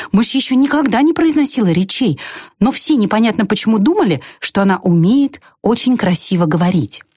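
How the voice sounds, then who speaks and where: A woman narrating a children's storybook aloud, telling it in an expressive, gentle manner. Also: medium pitch, no room sound, studio quality. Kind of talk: storybook reading.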